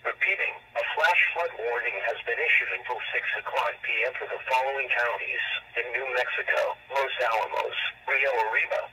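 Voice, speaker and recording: A synthetic male voice reading an automated weather bulletin, heard over a weather radio with even, mechanical delivery. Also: medium pitch, fairly quick, pauses often. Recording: distant radio speaker with faint hiss.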